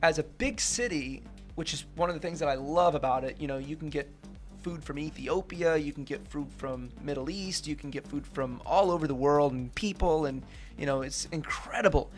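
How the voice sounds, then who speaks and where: A man's voice: on the high side, moderate pace, soft background music. A man in his thirties, a radio interview guest, speaking earnestly and reflectively with lots of "you know" and "right?". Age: 30s.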